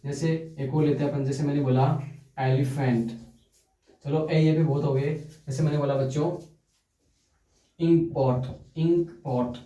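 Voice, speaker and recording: A man's voice: on the high side, steady tone, measured pace, pauses often, warm tone, recorded from a distance. A man teaching English grammar in a classroom style, asking his students questions and answering them himself. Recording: echoey room, voice from off the mic.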